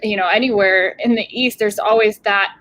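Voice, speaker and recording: A woman's voice: medium pitch, steady tone, moderate pace, fairly bright tone. A woman from Bulgaria moderating a filmmaker Q&A, speaking hesitantly with many fillers. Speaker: festival Q&A moderator.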